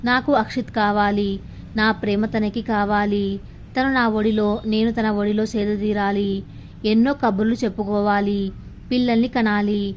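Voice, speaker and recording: A woman narrating a scripted story in a steady, descriptive way. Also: mid-range voice, moderate pace, slight background noise.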